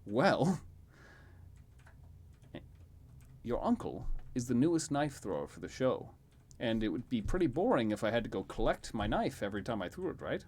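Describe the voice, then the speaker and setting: A man playing a kindly, protective knife-thrower uncle in a tabletop role-play, gentle and reassuring. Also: mid-range voice, sing-song, fairly quick. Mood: cheerful.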